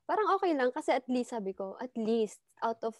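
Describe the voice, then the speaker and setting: A woman's voice: on the high side, very animated, brisk, no room sound, clean studio sound. A woman from the Philippines, chatting as an interview guest and telling a story with lots of fillers. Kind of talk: casual chat.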